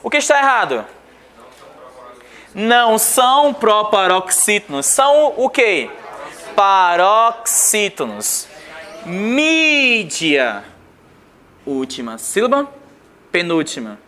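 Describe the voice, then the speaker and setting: A man from Brazil teaching a Portuguese exam review class. He asks the class questions and answers them himself, and reads passages slowly. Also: sits high, very animated, sharp tone.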